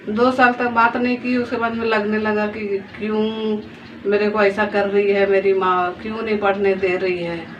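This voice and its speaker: Woman vlogger, pleading, heartfelt, mid-pitched, recorded from a distance, muffled phone sound. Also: little pitch movement, normal speed. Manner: pleading, heartfelt, repeats phrases. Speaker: vlogger and mother of two daughters. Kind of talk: emotional personal testimony to camera. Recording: distant, dull lo-fi phone audio with faint noise.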